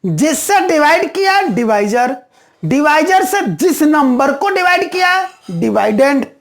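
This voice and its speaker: A woman teaching a maths lesson, patiently repeating each step and answering her own questions. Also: high voice.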